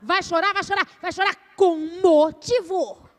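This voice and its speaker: A woman acts out a worn-out mother who has reached her limit. She nags and scolds in a high voice, with loud outbursts. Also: animated, normal speed. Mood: scolding. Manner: nagging, exasperated, rising to shouts.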